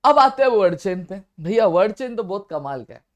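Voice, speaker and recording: Lively joking male grammar teacher. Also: high voice, fairly quick. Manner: animated, jokey, keeps checking understanding. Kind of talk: classroom grammar lecture.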